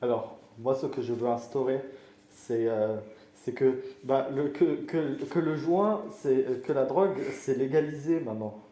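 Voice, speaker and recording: A man's voice: mid-range voice, unhurried, warm tone, lightly acted. Man playing Baptiste, a slangy thug candidate. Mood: mumbling. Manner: mumbling, touchy, slangy. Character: Baptiste the thug, a cocky male politician candidate. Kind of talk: amateur comedy sketch. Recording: echoey room, faint ambient noise.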